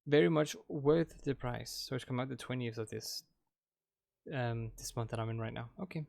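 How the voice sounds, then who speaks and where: At a moderate pace, a young man with a Danish accent signs off a game playthrough for his channel, his mid-range voice creaky, darkish and fairly even in intonation. He rambles casually with plenty of fillers, hesitations and restarts. It is a dry recording made on a desk microphone.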